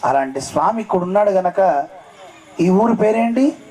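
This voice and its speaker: A man's voice: high-pitched, expressive, normal speed, mellow, low-quality recording. A man giving a devotional discourse at a temple festival, telling scripture stories and often asking his listeners questions. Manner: asks the audience questions often. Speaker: religious speaker.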